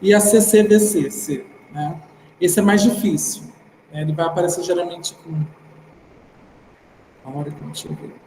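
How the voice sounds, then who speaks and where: Warm in tone and on the high side, this man speaks at a normal speed with fairly even intonation and long pauses. He has a Brazilian Portuguese accent and teaches online in a casual, thinking-aloud style, ending sentences with "né," recorded in a reverberant room with faint background noise.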